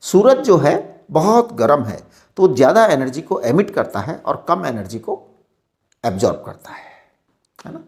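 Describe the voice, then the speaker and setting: A male physics teacher, speaking in a slightly high, very animated voice. He talks slowly and deliberately, repeating key phrases as if dictating notes. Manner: asks the class checking questions. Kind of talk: classroom lecture.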